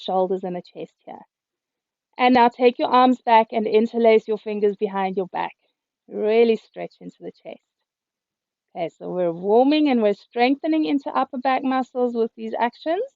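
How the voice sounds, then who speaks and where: Calm and steady, a woman guides a yoga class, cueing each breath and movement in a slightly high, faintly hoarse voice. Heard through a computer mic on a video call, the sound is dry and dull with no echo.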